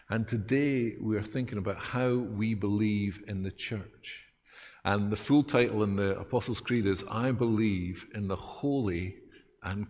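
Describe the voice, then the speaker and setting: A man preaching a sermon as pastor, lively and self-deprecating, with dramatic pauses. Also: on the low side, in a large hall.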